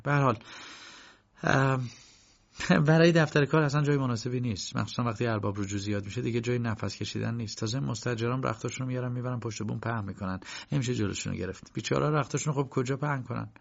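A man's voice: mid-range voice, gravelly. A man voicing a talkative, fussy young woman who helps out at an office, in a dull lo-fi recording.

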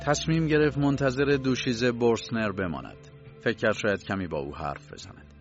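A man narrating an audiobook in a calm, even storytelling voice. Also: medium pitch, muffled recording, soft background music. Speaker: audiobook reader. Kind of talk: scripted narration.

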